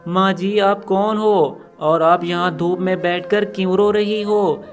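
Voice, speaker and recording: A gentle, polite little sparrow woman from a storybook cartoon, kind and welcoming, as a man puts her on. Her voice is pitched fairly high. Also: steady tone, takes it slowly, soft background music. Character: kind poor female sparrow.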